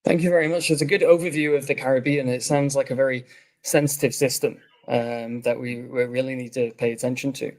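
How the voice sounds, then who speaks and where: A man's voice: mid-range voice, fairly even intonation, a little fast, a little mellow. A man moderating a panel, politely introducing the speakers and asking them questions.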